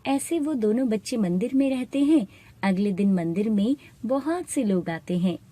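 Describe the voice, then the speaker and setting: A woman narrating an animated moral story in a steady, plain storytelling manner. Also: a little high, normal speed. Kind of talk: scripted narration.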